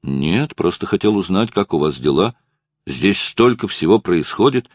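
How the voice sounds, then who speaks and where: A man's voice: sits low, animated, moderate pace, no room sound, studio quality. A man reading the lines of a polite male business associate calling on the phone, matter-of-fact.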